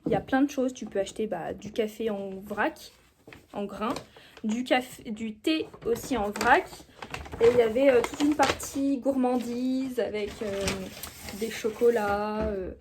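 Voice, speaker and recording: A woman's voice: medium pitch, a little mellow, slight background noise. A young woman vlogging at home in a chatty, enthusiastic way, with many fillers. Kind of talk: casual chat.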